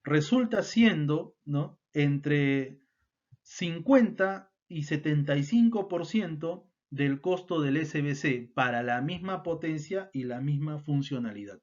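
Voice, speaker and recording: Man, technical lecture, fairly high voice, muffled lo-fi recording. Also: expressive, takes it slowly, darkish tone. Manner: explanatory, frequent tag questions and fillers. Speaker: instructor. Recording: dull lo-fi sound.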